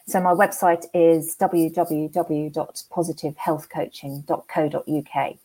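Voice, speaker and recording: A woman speaks as a coach being interviewed. Her voice is fairly low and soft-edged, mellow in tone, in a conversational style. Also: fairly even intonation, measured pace, rough recording. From England. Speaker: health coach, interview guest.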